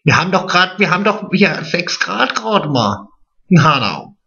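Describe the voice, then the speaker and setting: A man's voice: sits high, very animated, normal speed, gravelly, pushed and bright, dull audio, heavily acted. A man playing a vain, chatty, naive middle-aged woman in a drag comedy monologue, stretching his words. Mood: gossipy.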